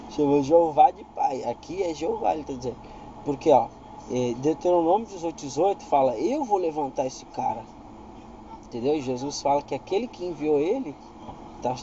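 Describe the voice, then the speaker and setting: Dark-voiced Brazilian man preaching. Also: on the high side, dull audio, slight background noise. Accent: Brazilian Portuguese. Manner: keeps asking "entendeu?", reads verses aloud with rising emphasis. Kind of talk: informal Bible teaching video.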